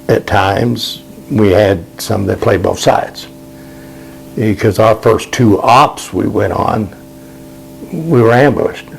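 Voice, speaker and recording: Here a Vietnam veteran, now older, talks loosely about his time in service, circling back on words and speaking in homespun terms. The voice sits fairly low, gravelly with a slight mellowness, against light background noise in poor-quality audio.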